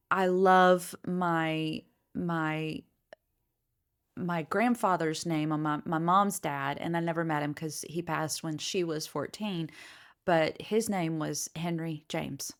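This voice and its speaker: Chatty middle-aged woman, low voice. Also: steady tone, takes it slowly, smooth. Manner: chatty, gushing over old names. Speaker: podcast co-host. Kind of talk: casual chat.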